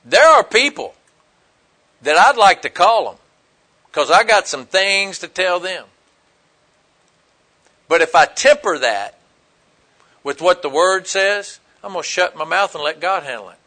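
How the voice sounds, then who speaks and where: Man, preacher, high voice, bright tone, folksy sermon, emphatic. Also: lively intonation, a little slow, pauses often. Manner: folksy, emphatic preaching with rising outbursts and quiet asides.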